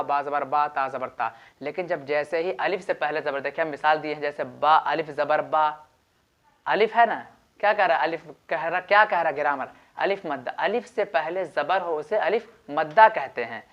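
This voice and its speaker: A man's voice: on the high side, a bit bright. A man teaching Quran recitation, explaining step by step, repeating each rule and drawing out example syllables. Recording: slightly muffled lo-fi recording.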